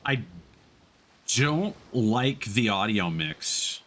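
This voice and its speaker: Game battle sounds fill the background as a man comments casually on his live gameplay, pondering aloud with some hesitation. His medium-pitched voice is slightly bright, with lively intonation and words he draws out.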